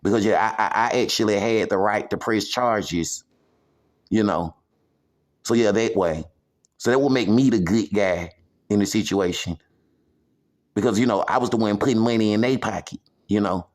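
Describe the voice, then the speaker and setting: A man from the United States talking to camera about his own grievances, repeating himself with lots of "you know" and stretching some phrases out slowly. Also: fairly low pitch. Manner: repetitive, emphatic, heavy use of "you know". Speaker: vlogger. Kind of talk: personal monologue to camera.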